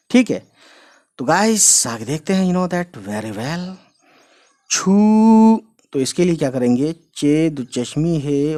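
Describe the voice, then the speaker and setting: A man's voice: on the high side, a little mellow. A man teaching how to write Urdu letters in a casual lesson, explaining step by step and repeating each sound, with fillers and English phrases mixed in.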